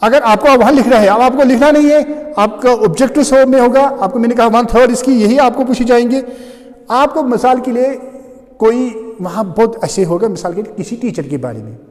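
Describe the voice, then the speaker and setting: High-voiced man teaching grammar in class. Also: brisk, darkish tone, in a large hall. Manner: mixes Hindi and English, keeps asking "समझ आ रहा है?". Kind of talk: classroom lecture.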